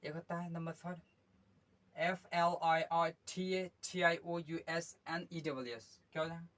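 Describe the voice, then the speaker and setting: Slow, bright-voiced male pronunciation teacher. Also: on the high side, fairly even intonation. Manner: spells words letter by letter, repeats them slowly and stretched; explains patiently with many okays. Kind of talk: pronunciation lesson.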